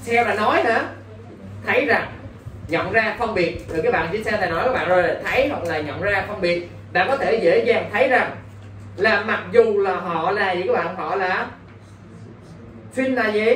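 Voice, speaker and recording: This man's voice sits high and sounds a bit bright as he teaches English for an exam, constantly testing his class and asking "got it?" again and again. The sound is roomy, picked up from a distant mic, with faint noise in the background.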